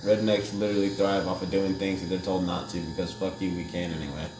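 Deep-voiced man spinning a crude joke. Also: little pitch movement, fast talker. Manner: crude, rambling storyteller. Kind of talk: casual chat and joke telling. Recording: echoey room with background noise.

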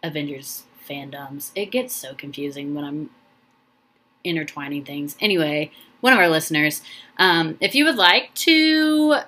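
Low-voiced young woman hosting a podcast. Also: expressive, a little slow, pushed and bright. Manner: rambling, heartfelt, many ums and restarts. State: emotional, near tears. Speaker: podcast host. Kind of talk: casual solo podcast talk.

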